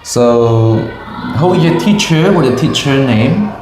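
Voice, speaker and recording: A woman's voice: a bass voice, lively intonation, a little slow, over music. A young adult woman from Cambodia with a Khmer accent, an English teacher asking a child simple questions. She speaks patiently, repeats each answer back and praises often. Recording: echoey room.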